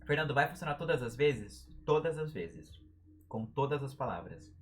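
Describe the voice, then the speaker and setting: A young Brazilian man with a Brazilian Portuguese accent runs a relaxed live-stream writing lesson. He jokes around, and his pitch swings widely as he talks. He stretches syllables out long to make a point. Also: normal speed, a little hiss or hum. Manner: playful, jokey, drags out syllables for emphasis. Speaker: writing tutor.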